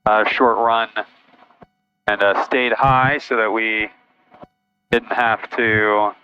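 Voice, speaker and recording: Bright-voiced male pilot on a cockpit intercom. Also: fairly low pitch, fairly even intonation, takes it slowly, clear, resonant tone. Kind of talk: casual in-flight narration. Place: small airplane cockpit in flight. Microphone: aviation headset. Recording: dull, noisy aircraft cockpit intercom. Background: engine noise, radio.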